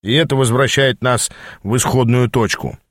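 A man's voice: medium pitch, steady tone, moderate pace, dry recording, clean studio sound, lightly acted. A man voicing a short-tempered male demon mentor who growls and snaps in exasperation. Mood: exasperated.

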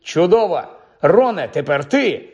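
A man voicing a calm, encouraging middle-aged male wizard teacher in an audiobook reading. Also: high-pitched, unhurried, husky, dull audio, voice pushed up, full character voice. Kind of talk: audiobook character voice.

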